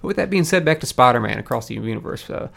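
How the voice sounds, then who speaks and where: A man's voice: mid-range voice, animated, quick pace, gravelly, a bit bright. A young man co-hosting a podcast in casual chat, rambling with many restarts. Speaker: podcast co-host.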